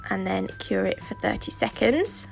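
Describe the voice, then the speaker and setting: A British woman with a sore throat and stuffy nose talks through a nail tutorial in a rambling, chatty, casual style, peppered with fillers and asides. Her gravelly mid-range voice has lively intonation and a normal speed, with faint music behind.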